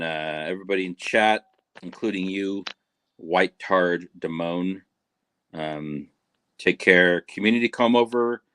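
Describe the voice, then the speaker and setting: A man with a very deep voice joins a livestream as a guest, trading laid-back banter. His voice sounds dry and close, with no room around it. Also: a bit bright, no echo. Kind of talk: casual livestream chat.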